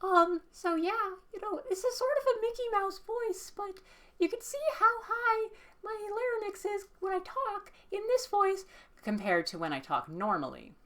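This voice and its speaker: A woman putting on a very high, tight cartoon-mouse voice as a demonstration. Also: sing-song, normal speed, a bit bright, heavily acted. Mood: squeaky demo. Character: squeaky cartoon-mouse demo voice.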